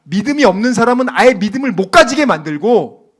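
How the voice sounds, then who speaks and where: A middle-aged pastor delivers an early-morning sermon in a high-pitched voice. He swings up and down in pitch as he fires rhetorical questions at his congregation. He acts out the scenes he describes with sound words. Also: very animated, a little fast.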